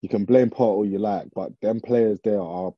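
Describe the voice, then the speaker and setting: A man's voice: on the low side, steady tone, moderate pace, slightly rough, no echo, lo-fi sound. A man with a London accent, talking bluntly in urban slang as a panellist in casual football chat. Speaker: podcast panellist.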